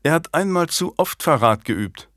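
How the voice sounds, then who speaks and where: A man's voice: a little high, lively intonation, normal speed, a bit bright, no echo, studio quality, voice pushed up. A man voicing a scornful, imperious middle-aged queen in a historical audiobook, speaking sharply and mockingly. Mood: bitter.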